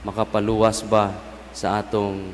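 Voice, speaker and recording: A Filipino man, a native Cebuano speaker, preaching as a priest in a solemn, measured way with pauses between short phrases. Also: lowish voice, completely flat delivery. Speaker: priest giving a homily. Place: large church, speaking through a sound system. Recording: long basilica echo, some background noise.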